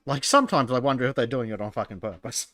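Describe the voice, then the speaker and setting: A man's voice: medium pitch, fast, pushed and bright, no echo. Aussie guy on a podcast call, laughs a lot, swears casually, dry mic. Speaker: podcast co-host. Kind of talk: casual chat.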